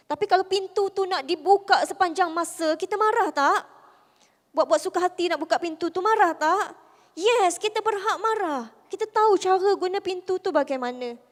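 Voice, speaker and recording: A Malaysian woman speaking with a Malaysian Malay accent, giving a lively, conversational religious talk to a convention audience in a soft voice, full of rhetorical questions. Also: sits high. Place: large convention hall. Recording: hall reverb from the venue.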